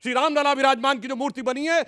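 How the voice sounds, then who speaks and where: Very high-voiced, sarcastic debating man. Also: fast, pushed and bright. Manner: sarcastic, combative, mock praise. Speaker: political debate panelist. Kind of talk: televised debate argument.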